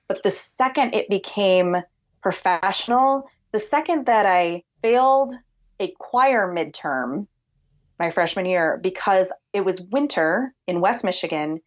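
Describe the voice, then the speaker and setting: Woman, soothing voice, reflective, rambling with "like", podcast guest, slightly muffled lo-fi sound. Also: mid-range voice. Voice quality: soothing, relaxed voice. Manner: reflective, speaks in long winding thoughts with frequent "like". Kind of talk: casual conversational interview.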